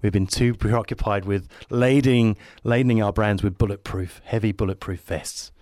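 Male podcast guest, lowish voice, upbeat rambling thinker, casual interview delivery, very dry recording. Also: fairly even intonation, normal speed, darkish tone, no echo. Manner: enthusiastic, rambling, optimistic musing. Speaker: podcast guest, advertising creative.

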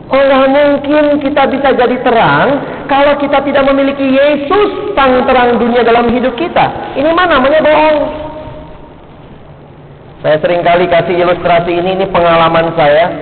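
Middle-aged male preacher, high voice, emphatic peaks and low asides, echoey hall, thin lo-fi sound. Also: normal speed, slight background noise. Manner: rises to emphatic peaks and drops low, acts out street characters. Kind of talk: sermon. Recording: echoey hall, phone-like band.

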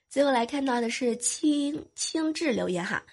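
A young woman hosting a podcast, reading listener messages aloud in a playful, teasing way while nursing a cold and a sore throat. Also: sits high. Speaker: podcast host.

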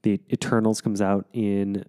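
A man's voice: fairly low pitch, level tone, measured pace, mellow. A man co-hosting a casual chat, playfully argumentative, explaining things at length with frequent ums and restarts.

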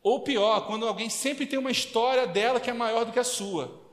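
A man with a Brazilian Portuguese accent preaching a lively sermon to a congregation, acting out the voices of the people he quotes. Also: extremely high pitch, moderate pace. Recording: echoey hall with long reverb.

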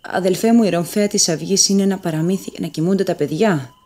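A woman voicing a gentle young prince who speaks softly and pleads with his brother. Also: fairly low pitch, lightly acted. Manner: soft-spoken and pleading.

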